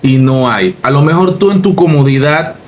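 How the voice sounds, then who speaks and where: A man's voice: a little high, expressive, normal speed. Guy doing reaction commentary, sarcastic and mocking, faint noise in the back. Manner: sarcastic, mocking, addressing critics directly. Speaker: reaction video host.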